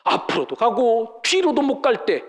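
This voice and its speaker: A man's voice: extremely high pitch, very animated, normal speed, a crowd in the background. A male pastor preaching a sermon at a church service, emphatic and full of rhetorical questions to the congregation. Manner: mimics scoffers in mocking voices.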